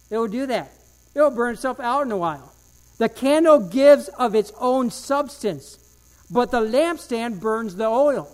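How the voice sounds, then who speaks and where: A man preaching a sermon with fervent emphasis, repeating key phrases and swinging between loud declarations and hushed asides. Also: sits high.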